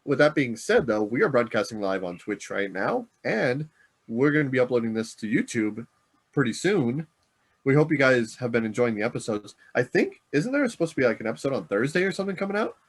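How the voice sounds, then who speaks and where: A man's voice: medium pitch, big pitch swings, a little fast, slightly rough. A middle-aged man co-hosting a board game podcast in casual, rambling chat, often correcting himself as he talks. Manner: rambling, self-correcting, chuckling. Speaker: podcast co-host.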